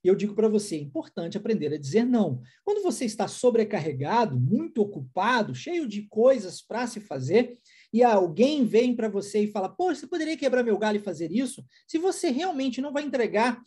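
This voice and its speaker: A woman teaching an online language lesson. She explains patiently, drills pronunciation by repeating words slowly, and keeps checking in with the listener. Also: mid-range voice, very animated, warm tone, husky. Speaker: English teacher.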